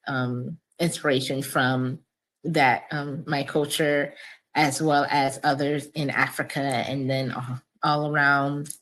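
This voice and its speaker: Casting: low-voiced woman, casual and chatty guest author. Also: flat delivery, takes it slowly, a bit bright. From United States, Cameroonian parents. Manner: chatty, many ums, laughs often. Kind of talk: casual interview chat.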